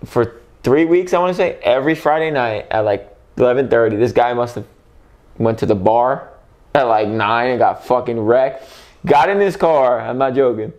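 A man's voice: mid-range voice, moderate pace, darkish tone. A young man, a podcast guest, telling loose, profane stories in casual chat with lots of fillers. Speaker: podcast guest, former band member.

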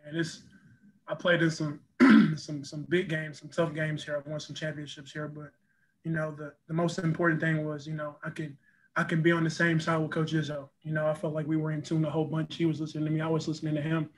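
Over a video call from an indoor room with a press backdrop, a young college basketball player answers post-game questions from reporters. He sounds a little high and flat, talks briskly, and keeps leaning on "you know" and repeated words in an earnest way, all on a rough recording.

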